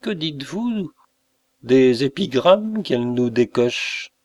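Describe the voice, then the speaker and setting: Man voicing a bantering young count, slow, dry close sound, storybook. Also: medium pitch, lively intonation, a little mellow, no echo, pitched above the performer's own voice. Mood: jovial. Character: young nobleman count, jovial but uneasy.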